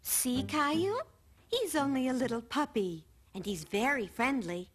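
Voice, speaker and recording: A woman voicing a patient cartoon grandmother who gently coaxes and reassures a frightened child. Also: high voice, animated, a little slow. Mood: reassuring. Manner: soothing, coaxing, reassuring. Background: music.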